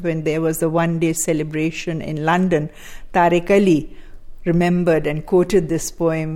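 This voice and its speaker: An older woman from Pakistan, a guest speaking thoughtfully in conversation, with fillers and soft laughs. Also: deep voice. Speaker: guest, daughter of a poet. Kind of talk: reflective conversation.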